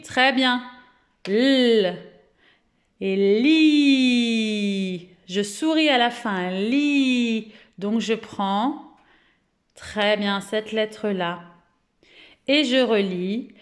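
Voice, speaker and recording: A woman kindergarten teacher giving a recorded reading lesson for parents and children, patient and encouraging, stretching and exaggerating each sound as she says it. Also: a little high. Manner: slow, exaggerated articulation of sounds.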